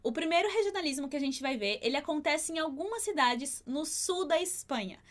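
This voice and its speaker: High-voiced woman teaching pronunciation. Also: expressive. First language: Portuguese. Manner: clear, patient, slows down to demonstrate sounds. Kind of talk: online language lesson.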